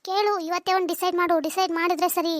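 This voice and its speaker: A woman's voice: very high voice, flat delivery, very fast. A woman voicing a resentful young wife in a cartoon drama, with a North Karnataka Kannada accent, accusing and nagging her husband. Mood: bitter nagging. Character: young sharp-tongued wife, resentful and bitter.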